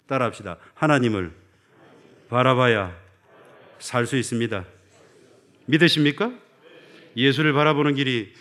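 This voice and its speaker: Emphatic middle-aged Korean pastor preaching. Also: male voice. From Chungcheong, Korea. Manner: rising to emphatic peaks, then dropping low and soft. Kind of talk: sermon.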